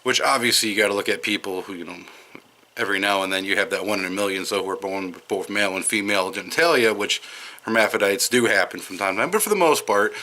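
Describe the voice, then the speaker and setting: A man with a light Wisconsin accent talks off the cuff outdoors during a smoke break. His slightly low voice has a bright, forceful edge. He rambles, with plenty of fillers and false starts. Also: quick pace. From Madison, Wisconsin, USA. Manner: rambling, with frequent fillers and restarts. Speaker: video commentator. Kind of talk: casual unscripted monologue.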